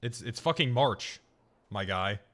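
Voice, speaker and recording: A man's voice: medium pitch, expressive, unhurried, a bit bright. A man in his thirties, a streamer chatting casually and rambling through stories, swearing and laughing often. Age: 30s. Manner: profane, rambling storyteller who laughs often. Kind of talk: casual chat on a game stream.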